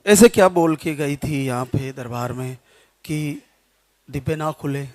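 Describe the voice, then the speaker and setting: A man's voice: on the high side, unhurried, darkish tone. A man hosting devotional interviews, asking short questions and offering blessings.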